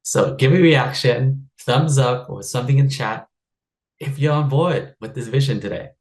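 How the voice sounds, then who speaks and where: A Seattle-area man, raised in the United States, runs a live online stress and wellbeing workshop over video call, upbeat and chatty with frequent laughs and fillers. His mid-range voice moves at normal speed on a low-quality recording.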